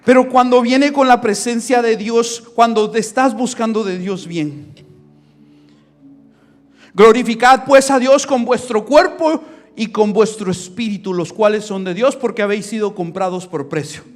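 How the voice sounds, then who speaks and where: High-voiced preaching man, animated. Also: measured pace. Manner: animated and joking, swings from soft asides to shouted preaching. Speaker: pastor. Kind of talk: sermon. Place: church. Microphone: handheld microphone.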